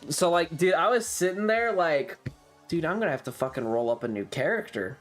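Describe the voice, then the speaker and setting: Talking casually to his stream viewers, this man uses a fairly high, slightly bright voice, fairly quick and animated. He tells stories with emphasis, plenty of swearing and repeated phrases, while faint music plays behind him.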